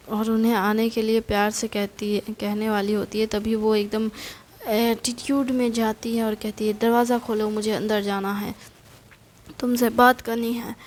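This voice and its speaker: A woman's voice: fairly high pitch, a little mellow, a little hiss or hum. A woman storyteller retelling a tale in a casual, conversational way, linking lines with repeated "she says" phrases. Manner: plain retelling with frequent "jis par vo kehti hai".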